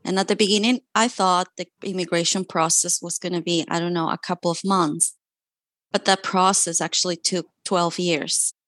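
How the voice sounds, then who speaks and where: A woman's voice: on the low side, steady tone, moderate pace, fairly bright tone, no room sound. A woman from Chile with a Chilean Spanish accent and Spanish as her first language, telling her own story in an earnest, reflective way. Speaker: interviewee. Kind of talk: personal storytelling.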